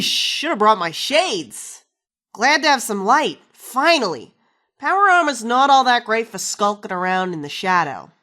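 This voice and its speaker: A woman's voice: a little high, fairly bright tone. An actress playing a wisecracking, foul-mouthed woman companion in a video game, sarcastic and slangy.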